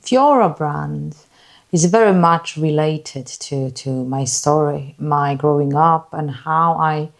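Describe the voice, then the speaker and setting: A woman from Poland, a guest telling her life story in a podcast interview, earnest and halting, often repeating her words. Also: deep voice, gravelly.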